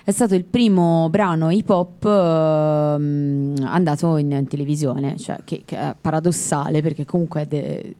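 A woman co-hosts a music radio show in loose, easygoing chat. Her voice sits low, with a dark, mellow tone. She wanders from one tangent to the next and laughs easily. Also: measured pace, few pauses. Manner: chatty, digressive, laughs easily. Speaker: radio co-host.

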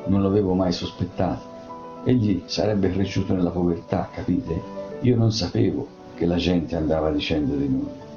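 Man as a resigned old father, low gravelly voice, dull recording with faint music. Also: normal speed, roomy sound. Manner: resigned, plain-spoken. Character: weary, humble old father, former bookkeeper.

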